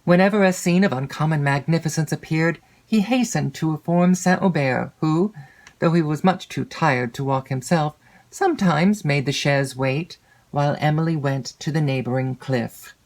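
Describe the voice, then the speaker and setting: Here a woman with a low voice performs an audiobook of a classic literary work, unhurried and expressive. She savors the descriptive phrasing as she goes.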